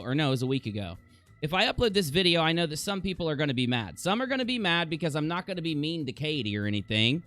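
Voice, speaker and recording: Animated man ranting on a livestream. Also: a little high. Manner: animated, ranting, swears casually. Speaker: streamer host. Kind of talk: casual livestream chat.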